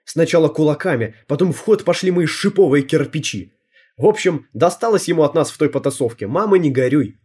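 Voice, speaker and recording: A man's voice: on the high side, lively intonation, brisk, darkish tone, breathy edge. A man voicing a brash, bossy teenage girl gang leader with cocky street slang in an audiobook reading. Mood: boastful.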